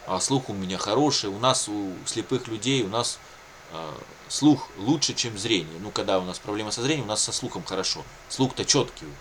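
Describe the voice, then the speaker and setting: In a rough recording with some hiss or hum, a man with a fairly low voice addresses his viewers casually. He's a Russian-speaking video blogger recounting his own situation, rambling and repetitive, peppering his talk with colloquial catchphrases.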